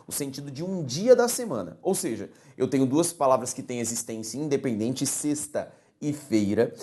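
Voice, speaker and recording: A man with a Brazilian Portuguese accent teaching a recorded online grammar lesson, animated and often checking in with his students. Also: medium pitch.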